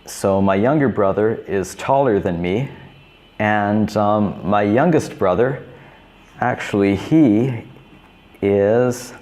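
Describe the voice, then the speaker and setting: A man in his thirties teaching beginner English, repeating each simple phrase slowly and clearly. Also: lowish voice, darkish tone. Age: 30s. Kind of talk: slow, repetitive teaching for beginners.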